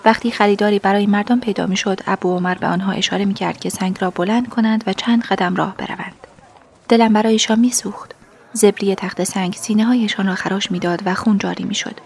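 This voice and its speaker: A woman reading a first-person story aloud as an audiobook, in a soft delivery that often drops to a half-whisper. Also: mid-range voice, fairly even intonation, vocal fry, a little hiss or hum. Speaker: audiobook narrator.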